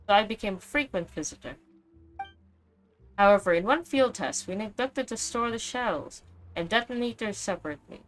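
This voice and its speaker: A woman voicing a calm, kindly older male weapon engineer as she reads game dialogue aloud, steady and explanatory with small slips. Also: mid-range voice, a little hiss or hum, natural voice, rough recording. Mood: recounting.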